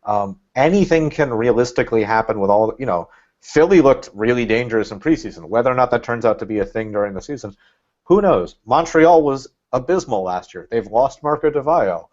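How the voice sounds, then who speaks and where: A man's voice: medium pitch, lively intonation, fairly quick, darkish tone. Rambling man on a dull lo-fi line. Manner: rambling, thinking aloud with many fillers. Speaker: guest, Red Bulls fan. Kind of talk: casual podcast chat. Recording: dull lo-fi sound.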